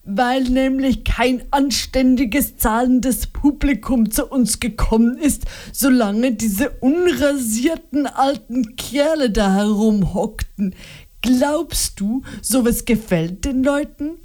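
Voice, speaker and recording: A woman's voice: high voice, takes it slowly, mellow. A woman reading a defensive, irritable innkeeper. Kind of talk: audiobook reading.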